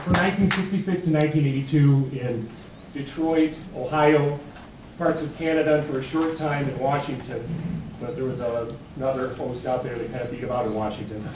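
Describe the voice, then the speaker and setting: A man's voice: mid-range voice, steady tone, fairly quick. A man giving an informal, hesitant tribute speech at a live induction event. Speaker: speaker inducting an honoree. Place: large room at a live event. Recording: echoey, distant mic, clear noise.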